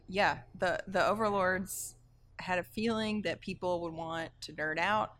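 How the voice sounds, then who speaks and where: A woman from a parade group chatting casually on a panel, quick to agree and laugh. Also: lowish voice, fairly bright tone, a little hiss or hum. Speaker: parade krewe member.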